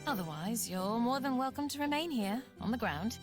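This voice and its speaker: A woman voicing a calm, kind female library keeper in a video game, gentle, polite and formal. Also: fairly high pitch, normal speed, over music, close to an everyday voice. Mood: kind, composed.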